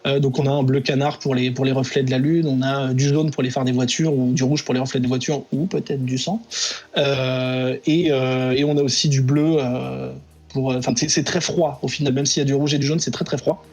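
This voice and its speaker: A man's voice: medium pitch, little pitch movement, a little fast, a little mellow. Hesitant French man chatting about comics. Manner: hesitant, many fillers, enthusiastic. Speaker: comics podcast reviewer. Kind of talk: casual chat.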